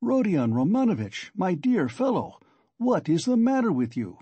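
Man acting a sly, high-pitched, fussing investigator. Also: very animated, unhurried, mellow, husky, no echo, dull audio, exaggerated voice. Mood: alarmed. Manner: rambling, wheedling, exclamatory. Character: sly, chatty, theatrically solicitous male investigator. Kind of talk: audiobook character acting.

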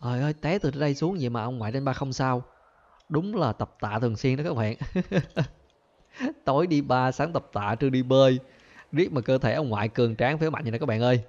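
A man hosting a gaming channel, giving excited gameplay commentary and talking straight to his viewers. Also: mid-range voice, fast, lo-fi sound. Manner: animated, keeps addressing viewers as "các bạn ơi".

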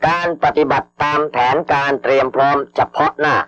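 A man slowly dictating official government orders over radio, formal and measured, repeating each phrase and reading out the punctuation. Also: mid-range voice, flat delivery, pushed and bright. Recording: dull lo-fi archival radio broadcast.

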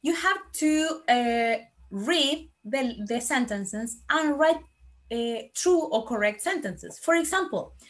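A woman teaching grammar in a recorded online lesson, explaining slowly in a mix of Spanish and English, spelling out letters and checking that her pupils follow. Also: fairly high pitch, a bit bright.

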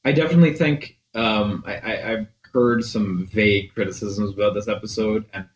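A young man with a lowish voice gives relaxed, chatty commentary on a story game. He muses aloud and circles back on his points, and his mic picks up a roomy echo. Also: moderate pace. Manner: laid-back, chatty, thinks aloud with restarts. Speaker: let's play co-host. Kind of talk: casual gameplay commentary.

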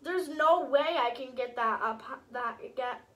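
Storybook butterfly boy, crinkled wings, earnest and pleading, bright high voice, read by a woman. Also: a little slow, slight background noise. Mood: forlorn. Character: sad young male butterfly with crinkled wings.

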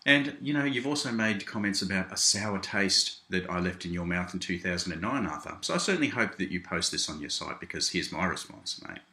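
Australian man with a forceful voice in a roomy office. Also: low-pitched, lively intonation, fairly quick, few pauses. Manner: conversational, keeps addressing the listener as "mate", with frequent restarts. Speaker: seminar presenter. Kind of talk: direct-to-camera video response. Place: small home office.

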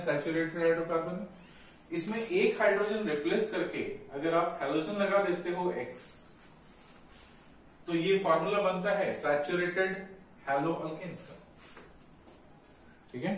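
Man, chemistry teacher, somewhat high voice, very echoey room, distant mic. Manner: explains step by step, asking and answering his own questions. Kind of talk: classroom lecture. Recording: echoey room, mic far off, faint noise.

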